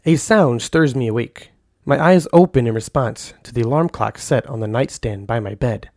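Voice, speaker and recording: A man narrating a first-person audio story in a calm, soft-spoken way. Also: mid-range voice, normal speed, no room sound, clean studio sound.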